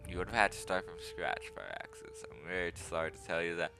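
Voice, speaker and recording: A man's voice: sits low, fairly even intonation, fast talker, music in the background. A man giving casual, rambling commentary over his strategy game footage, with self-aware asides. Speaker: gaming video host.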